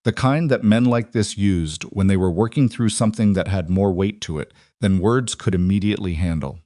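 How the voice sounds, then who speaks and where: A man with a very deep voice narrates a western as a scripted audiobook, telling the story in a measured, even way. The sound is dry and close, with no room sound.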